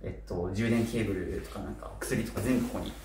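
A man's voice: fairly low pitch, steady tone, a little fast, a little mellow. A man in his twenties from Japan chatting casually to camera, his articulation slightly slurred as if wearing a mouthguard. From Kitakyushu, Japan. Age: 20s. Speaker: vlogger. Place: small bare apartment room, indoors. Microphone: camera a short distance away. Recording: roomy echo with faint noise.

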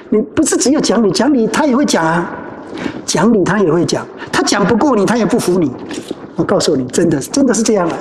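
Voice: mid-range voice, a little hiss or hum, low-quality recording. Chatty Buddhist monastic giving homespun advice. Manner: conversational, repeats phrases, many drawn-out sentence-final particles; tells personal stories to advise. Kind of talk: informal dharma talk answering questions.

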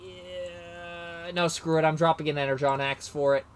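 A man's voice: fairly high pitch, fairly even intonation, a little slow, clear, resonant tone. A man casually narrating his moves in a card game match, rambling and self-mocking, often losing his train of thought. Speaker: card game player and commentator.

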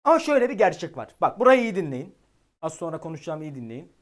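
A man giving live-stream weather commentary, excitable and exasperated, talking directly to his chat. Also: on the high side, fast talker.

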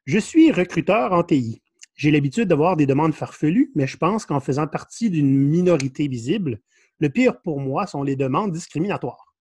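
Husky Québécois podcast host reading stories. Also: male voice, a little high, lively intonation, moderate pace, darkish tone, no room sound. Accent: Québécois French. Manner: reads stories aloud, wry asides with chuckles. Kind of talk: casual podcast chat. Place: small room indoors.

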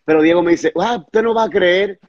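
A man's voice: sits high, brisk, darkish tone, muffled recording. Earnest man retelling a testimony. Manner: stumbles and repeats words at hard moments. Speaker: pastor and guest recounting a testimony.

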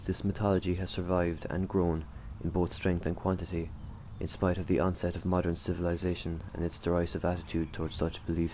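A man's voice: low voice, a little hiss or hum. A man reading scripted documentary narration. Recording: loud music under the voice. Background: plucked guitar music.

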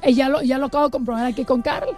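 A woman co-host jokes her way through introducing a guest in a radio studio. Her voice sits high and bright. Music plays clearly in the background. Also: very fast. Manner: lively, joking, introducing a guest. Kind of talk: casual on-air banter.

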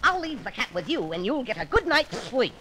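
Daffy Duck, sly boastful cartoon duck. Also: male voice, very high-pitched, very animated, background noise. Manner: sly, fast-talking, pleased with himself. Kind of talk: children's story record acting. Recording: music playing behind.

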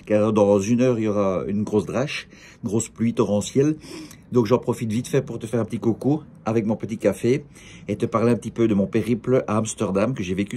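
Husky Belgian man chatting away. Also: fairly low pitch, mellow. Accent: Belgian French. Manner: chatty, jokey, rambling with repeats and fillers. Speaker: vlogger. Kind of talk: casual direct-to-camera monologue. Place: outdoor café terrace.

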